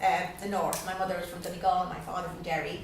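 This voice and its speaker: Here a middle-aged Irish guest poet from Dublin speaks in a lowish, flat voice at a literary evening. Her reading is unhurried and paced with pauses, while her talk between poems is chatty and halting. The mic sits far from her in a very echoey event room, with a little hiss or hum audible.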